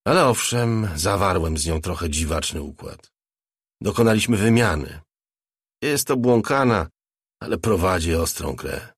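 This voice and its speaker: A man voicing a brash, talkative young ex-hacker in an audiobook, a little louder and brighter than his narration. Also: sits low, lively intonation, measured pace, husky, no room sound, studio quality, heavily acted. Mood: boastful chatter. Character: cocky young male ex-hacker, chatty and sly.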